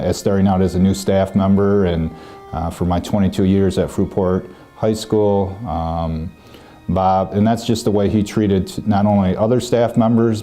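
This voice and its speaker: Man, reflective tribute, very deep and mellow, faint music. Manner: reflective, hesitant. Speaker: former school staff member giving tribute. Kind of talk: recorded video tribute.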